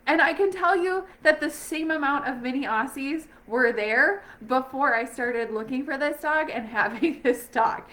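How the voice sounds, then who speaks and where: A woman's voice: high voice, moderate pace, hardly any pauses, pushed and bright. A woman talking casually and upbeat from home as a sales rep, with many fillers and restarts. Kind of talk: casual recruiting chat.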